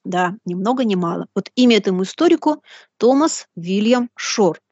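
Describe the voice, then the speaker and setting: A woman giving a deliberate, didactic lecture in bookish phrasing, reading out quotations as she goes. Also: medium pitch, expressive, darkish tone, husky, no room sound, highs cut off. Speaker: lecturer hosting a live broadcast.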